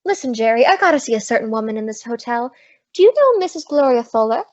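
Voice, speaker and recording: High-voiced wisecracking Maisie, played by a woman. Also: lively intonation, fast talker, a little mellow, no room sound. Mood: teasing. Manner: sassy, slangy delivery. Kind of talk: old-time radio comedy acting. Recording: dull lo-fi close dry recording.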